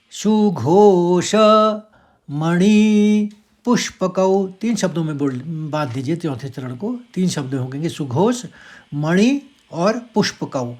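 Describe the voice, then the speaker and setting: A man teaching how to pronounce a Sanskrit verse. He chants each line slowly and drawn out, then explains the sounds more quickly, speaking. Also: on the high side, darkish tone, slightly rough.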